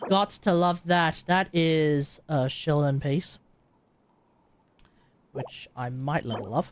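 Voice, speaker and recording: Over video game music, a man streams casual game commentary, rambling and thinking aloud as he plays. He speaks slowly in a voice on the high side, and there's a little hiss or hum.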